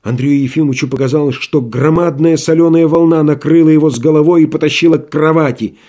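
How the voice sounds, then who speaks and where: A man narrating a classic story in a measured, dramatic way. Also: fairly high pitch, fairly even intonation, dark tone. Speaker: audiobook reader. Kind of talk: literary narration.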